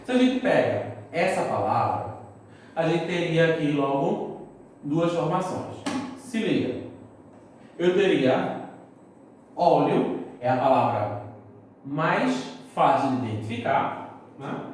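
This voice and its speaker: A man's voice: on the high side, sing-song, slow, pauses often, darkish tone, very echoey, distant mic, a little hiss or hum, rough recording. A man teaching a class, explaining step by step and checking in with his students as he writes. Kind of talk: classroom lesson.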